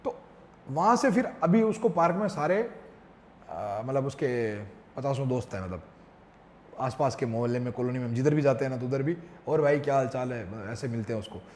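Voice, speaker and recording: Fast, animated storytelling man. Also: mid-range voice, a little hiss or hum. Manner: fast, animated anecdotes acting out a child's and his own lines. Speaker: father talking as podcast guest. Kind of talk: casual podcast storytelling. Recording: long reverb.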